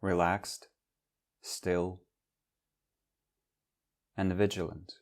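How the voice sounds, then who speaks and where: A man acting as a teacher guides a meditation in measured, instructional phrases separated by long pauses. His voice sits low and his delivery is flat.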